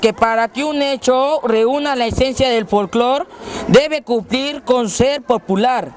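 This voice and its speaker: A performer voicing a friendly puppet host on a children's educational show, with a bright sing-song welcoming manner and a Peruvian accent. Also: high voice, unhurried. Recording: noisy outdoor street recording.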